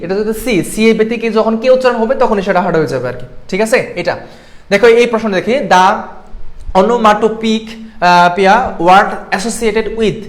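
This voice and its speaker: A young man from Bangladesh tutoring students in a live online class, asking them questions and checking in with them often. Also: high-pitched. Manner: quick, keeps checking in with the class. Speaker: admission exam tutor.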